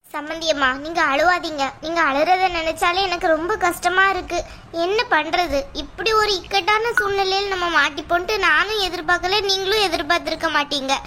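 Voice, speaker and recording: A woman voicing a gentle, apologetic middle-aged mother of the groom in a cartoon. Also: very high voice, a little fast, a little hiss or hum. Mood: soothing. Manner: soft, apologetic, soothing. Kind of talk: cartoon voice acting.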